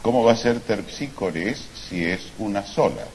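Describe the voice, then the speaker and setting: A man on a live stage plays a fussy, pedantic language scholar in a comedy sketch, adopting a mock-learned, overly formal manner. His voice is on the low side, delivered at normal speed with lively intonation. Background noise from the live stage is audible.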